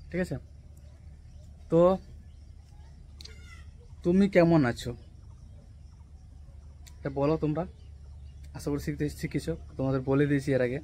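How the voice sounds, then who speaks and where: A young man whose first language is Santali, casually teaching words on an outdoor rooftop vlog, repeating each word slowly and often checking if listeners follow. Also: medium pitch, mellow, slight background noise. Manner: slow, drawn-out repetition of taught words, often asking "right?". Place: rooftop outdoors on a cloudy day.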